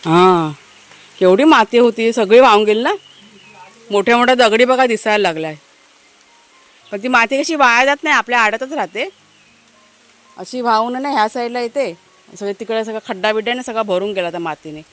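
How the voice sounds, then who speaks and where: A woman from Maharashtra in casual vlog narration, chatty and explanatory as she speaks to viewers from an outdoor garden, now and then calling loudly to her dogs. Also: a little high, fairly quick, long pauses, soft background music. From Maharashtra, India. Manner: calls out loudly to her dogs between remarks. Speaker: family vlogger.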